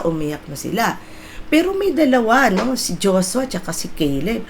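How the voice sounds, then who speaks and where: A woman's voice: mid-range voice, creaky, a little hiss or hum. A middle-aged woman pastor giving a conversational sermon in mixed Tagalog and English, often checking in with her listeners through short tag questions. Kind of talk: Taglish sermon exhortation.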